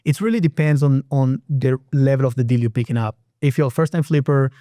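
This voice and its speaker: Brisk and mellow, a medium-pitched voice belongs to an Israeli private real estate lender, a native Hebrew speaker with an Israeli accent. He's a guest in a casual podcast interview, explaining lending and often restarting. It's a dry, clean studio recording.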